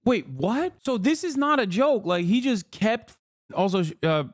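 A man's voice: high-pitched, sing-song, measured pace, dry recording. A man in his thirties ranting in casual live-stream commentary, brash and profane, close to a large studio mic in a cluttered room. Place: small room full of shelves and collectibles. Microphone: large studio mic close in front.

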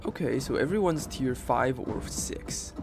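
A man's voice: mid-range voice, lively intonation, measured pace, vocal fry. A man livestreaming a video game, chatting casually with viewers and musing aloud in an easygoing way. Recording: loud game music behind voice.

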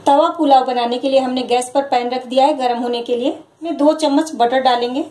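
A woman with a high-pitched voice narrates a home recipe one step at a time. She sounds calm and instructive and repeats each step. There is faint background noise over the kitchen sounds. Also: brisk, low-quality recording. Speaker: cooking channel host.

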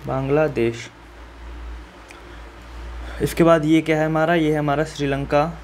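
A man's voice: a little high, level tone, unhurried, darkish tone, a little hiss or hum. A man teaching students step by step how to fill in a map, in a friendly and reassuring way, often asking viewers questions. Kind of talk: map-filling lesson for school students.

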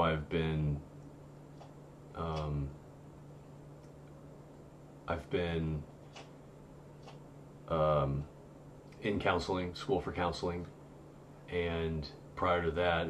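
A man in his thirties with a deep, low voice chats on a live stream from his home studio. He talks slowly and rambles, piling up fillers and false starts. A faint hum of room noise sits under him. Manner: rambling, many fillers and restarts. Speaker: host of a paranormal live stream. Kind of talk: casual live-stream chat.

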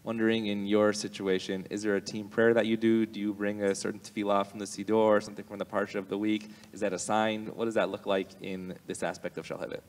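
A man in his forties, a rabbi hosting a live interview, asking steady, curious questions into a handheld mic in a large sanctuary. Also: lowish voice, quick pace, hardly any pauses. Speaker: rabbi and show host. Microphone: handheld microphone. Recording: long hall reverb.

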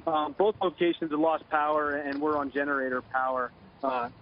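A middle-aged man giving a halting official briefing in a live news interview over the phone. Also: fairly high pitch, little pitch movement, slight background noise. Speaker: Coast Guard commander, phone interviewee. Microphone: phone line. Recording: dull lo-fi phone line.

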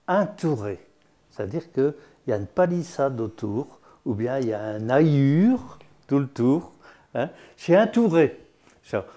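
A man's voice: mid-range voice, warm tone. An older man giving a chatty, teasing dialect lesson full of asides. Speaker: patois teacher.

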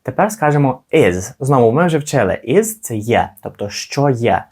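A man teaching children simple English words slowly, encouraging them and pausing so they can repeat. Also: medium pitch, sing-song, a little mellow, slightly rough. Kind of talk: slow, clear language lesson for kids.

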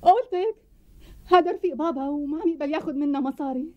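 An actress playing a flustered young doctor who talks in a fretful, pleading way with a Syrian Arabic accent in a TV sitcom. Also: female voice, high-pitched, fast talker, highs cut off, close to an everyday voice. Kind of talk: TV sitcom acting.

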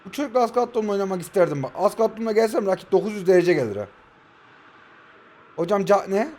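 Young man, 20s, high-pitched, excitable live gameplay commentary, shouts player names, playful swearing. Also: fast. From Turkey. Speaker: mobile football gaming YouTuber.

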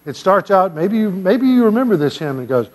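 An older man, a pastor giving a children's sermon in a church sanctuary, gently and playfully asking the kids questions. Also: high-pitched, sing-song, fairly quick. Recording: long church reverb.

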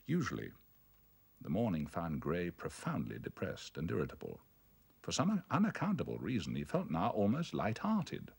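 Low, gravelly man telling a ghost story. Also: wildly swooping pitch, moderate pace. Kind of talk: dramatic ghost story reading.

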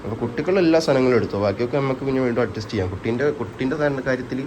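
A young family vlogger from Kerala with a North Kerala Malayalam accent chats casually to viewers at home, calling them "guys." His voice is medium-pitched, animated and very fast, and the background is noisy.

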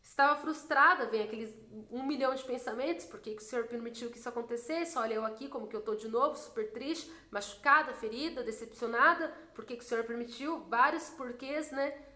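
A young woman from Brazil sharing a faith testimony in a casual, animated, emotional way. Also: fairly high pitch, fairly quick. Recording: roomy echo.

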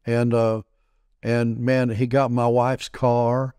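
A man's voice: mid-range voice, little pitch movement, slow, darkish tone, clear, resonant tone, no room sound, clean studio sound. A middle-aged man, a pastor and TV teacher, telling a personal story in a sermon in a conversational way, with frequent restarts and stammers.

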